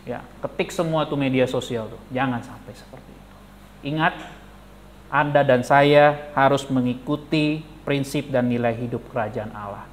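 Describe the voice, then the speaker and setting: A male pastor giving a lively sermon, animated and jokey, questioning the congregation. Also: medium pitch, moderate pace, a little hiss or hum. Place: church.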